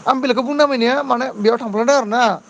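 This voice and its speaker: A man's voice: very high-pitched, racing, vocal fry, a bit bright. A man chatting casually on a livestream, reading out viewer comments and pleading for comments and friend requests. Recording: dull lo-fi sound.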